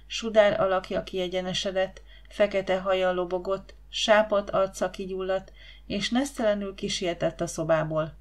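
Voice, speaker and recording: A woman reading an audiobook in calm, even storytelling narration. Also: medium pitch. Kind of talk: scripted narration.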